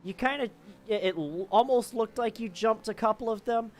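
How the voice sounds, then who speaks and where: A man hosting a sim racing broadcast and interviewing drivers in a relaxed, halting way with many fillers. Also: high voice.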